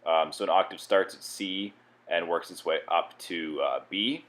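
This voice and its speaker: A low-voiced man presents a software tutorial, talking a little slowly as he walks through the steps. He speaks plainly and instructively, explaining each one along the way.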